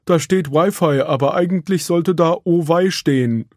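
A man reading a storybook aloud, voicing a big, clumsy, good-natured male wrecker who speaks in a slow, simple-minded, earnest way. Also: a little high, a little mellow, no room sound, clean studio sound, voice pushed up, close to an everyday voice. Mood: stern, lecturing.

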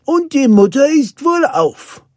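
A man voicing an excitable older housekeeper in a storybook audiobook, calling out loudly, later tearful. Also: extremely high pitch, takes it slowly, no room sound, studio quality, voice pushed up, full character voice. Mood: excited. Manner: excited shouting, then tearful and broken.

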